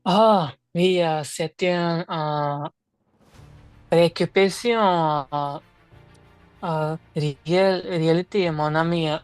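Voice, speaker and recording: Slow, halting woman exam candidate. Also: lowish voice, a little mellow, clear, resonant tone, dry recording, soft background music, low-quality recording. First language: not French. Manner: halting, many fillers and restarts. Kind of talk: speaking exam role-play.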